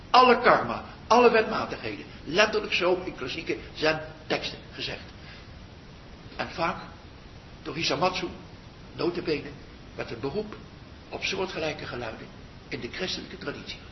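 An older man, a meditation teacher, giving a slow reflective spiritual talk that pauses often and trails off softly. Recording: muffled roomy recording with faint rumble.

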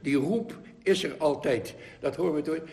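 A man giving a reflective spiritual talk to a group, reading passages aloud slowly and earnestly, with pauses and tag questions. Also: a little high, vocal fry, darkish tone. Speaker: spiritual teacher addressing a group. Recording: roomy hall echo.

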